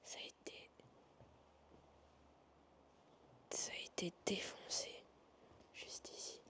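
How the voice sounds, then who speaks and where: A woman narrating an exploration vlog in a hushed whisper, in short halting fragments as she shows a place around. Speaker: urban exploration vlogger. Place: inside a large abandoned hotel.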